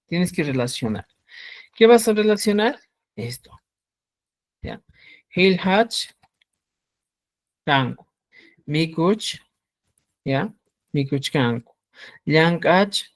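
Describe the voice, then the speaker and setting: A woman's voice: low voice, lively intonation, drawn-out words, pauses often, no echo. A woman teaching a live online language class, explaining step by step, checking in often and stretching out key words for emphasis.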